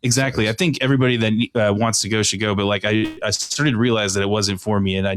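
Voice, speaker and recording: A man in his thirties from Oklahoma, a guest candidate chatting in a podcast studio with quick restarts and fillers. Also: on the low side, fairly even intonation, fairly bright tone, a little hiss or hum. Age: 30s. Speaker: city council candidate, guest. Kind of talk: casual podcast conversation.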